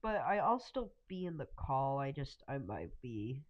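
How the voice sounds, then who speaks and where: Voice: mid-range voice, big pitch swings, unhurried. A congested streamer chatting casually while drawing, rambling with lots of fillers and giggles, speaking from a room at home over a voice call. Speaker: streamer, artist. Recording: muffled lo-fi voice call.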